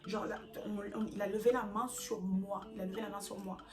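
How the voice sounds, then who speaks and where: A young woman from France telling a dramatic storytime in a casual vlog, in lively, slangy street talk. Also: mid-range voice, fairly quick. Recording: music playing underneath.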